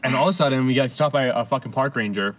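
A man telling a long story in casual chat, animated and full of swearing and laughter. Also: mid-range voice, racing.

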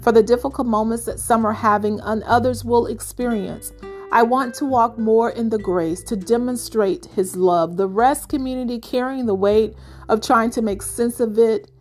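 A woman with a slightly raised pitch gives a reflective devotional talk as host. Her delivery is gentle and measured, with pauses between thoughts. Soft music plays faintly beneath her. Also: steady tone. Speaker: podcast host.

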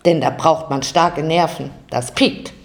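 Lady doing a showoff fox from a kids book, slow and low. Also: gravelly. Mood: boastful. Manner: showing off. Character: boastful male fox. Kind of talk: bedtime story reading.

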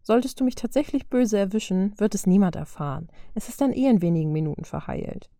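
A woman's voice: medium pitch, lively intonation, brisk, warm tone, no echo, clean studio sound, lightly acted. A woman reading the lines of a cheeky, cocky young female fighter who jokes a lot, in an audiobook. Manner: cheeky, joking. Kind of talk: audiobook character voice.

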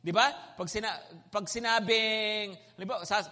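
Man, preacher, high voice, polite and chatty, tag questions, long reverb. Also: fairly even intonation, measured pace, pushed and bright. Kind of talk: conversational sermon. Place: Manila. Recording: hall reverb.

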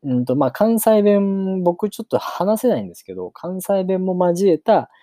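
A man hosting his channel, chatting casually with many filler pauses, then reading a novel aloud for learners. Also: high-pitched, dry recording, clean studio sound. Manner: relaxed, lots of filler pauses.

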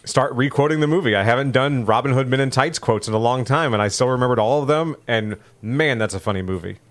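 A man's voice: mid-range voice, fast talker. A man co-hosting a podcast, chatting casually and joking while coaching his friend through a video game. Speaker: podcast co-host. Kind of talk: casual gaming chat.

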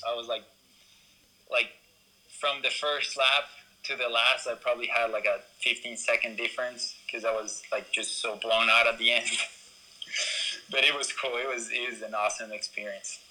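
A man's voice: mid-range voice, flat delivery, normal speed, pushed and bright, poor audio. A young man from Ecuador, a BMX racer, talking casually in an interview with lots of fillers and restarts. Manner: rambling, many fillers and restarts.

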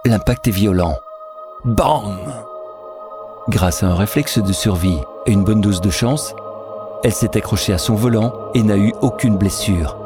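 A man with a fairly low voice narrates a story, telling it steadily and descriptively. Clear music plays behind him throughout. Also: unhurried.

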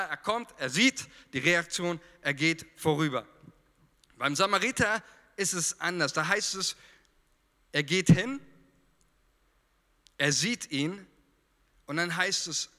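A man from Franconia with a Franconian German accent preaching a lively sermon, talking straight to his congregation with fillers and humor. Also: fairly high pitch, long reverb tail.

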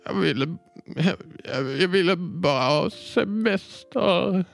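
A man voicing a frightened, injured old man who wails in a high strained voice. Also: expressive, gravelly, soft background music. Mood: sheepish.

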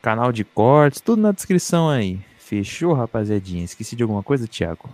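A man's voice: medium pitch, big pitch swings, a little fast, a little mellow, no room sound. A Brazilian man co-hosting a live podcast with informal banter, slangy and swearing freely. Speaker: podcast live stream co-host.

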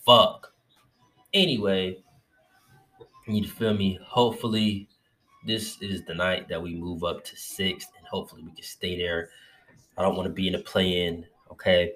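A man giving a casual, profane recap of his team's win, excitable and swearing often, while getting over covid and feeling a bit lightheaded. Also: deep voice, normal speed. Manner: loose, profane, excitable fan talk. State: recovering from covid, a little lightheaded. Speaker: sports fan vlogger.

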